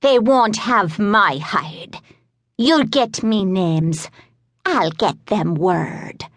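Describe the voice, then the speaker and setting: A woman voicing a squeaky, cruel male Gwyllion creature who mocks bluntly in an audiobook. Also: animated, slow pace, no echo. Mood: scornful. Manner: mocking, blunt. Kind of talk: audiobook narration.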